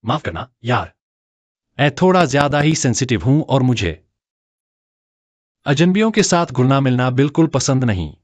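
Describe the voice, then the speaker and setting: A man's voice: mid-range voice, very animated, moderate pace, long pauses, dry recording, natural voice. A man playing a sensitive young writer. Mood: gentle. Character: poor young male writer, sensitive, scheming. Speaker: young male lead. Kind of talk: Hindi dubbed short drama.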